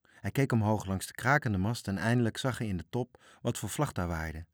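A man narrating a children's storybook, reading in a measured, expressive way. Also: fairly low pitch, dry recording, studio quality.

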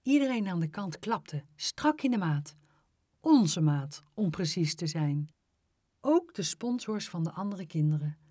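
Female storyteller for a children's book: slow, expressive reading, dry close sound. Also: slightly rough, dry recording. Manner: unhurried expressive reading, lively pitch on exclamations.

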